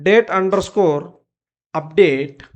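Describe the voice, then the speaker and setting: A tutorial presenter gives step-by-step software instructions as short, clipped commands. The voice is medium-pitched and slow, and the audio sounds dull.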